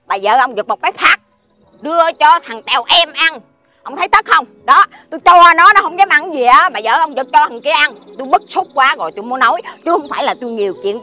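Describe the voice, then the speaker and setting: A woman's voice: high-pitched, sharp tone. An actress playing a chatty, insistent village woman who sells sticky rice cakes, in a TV folk-tale drama. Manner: gossipy, exclamatory, insistent. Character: chatty busybody village cake seller woman.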